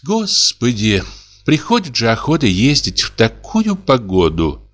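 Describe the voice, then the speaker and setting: Male reader playing a composed young peasant woman, quiet and curt, in a raised register, for an audiobook. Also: a little high, slow, voice pushed up, exaggerated voice. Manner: quiet, calm, curtly dismissive. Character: calm handsome young peasant wife. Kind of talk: audiobook character reading.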